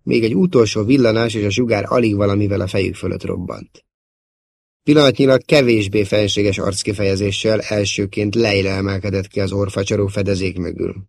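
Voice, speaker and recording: A man giving a steady, dramatic audiobook narration. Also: lowish voice, gravelly, no echo, studio quality. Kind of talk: scripted narration.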